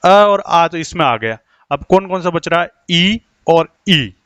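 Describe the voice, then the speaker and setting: Male teacher from India, slightly high voice, dry close sound, steady question-and-answer lesson. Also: clean tone, dry recording. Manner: asks rhetorical questions and answers them himself, slows down while writing on the board. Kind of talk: Hindi grammar lesson.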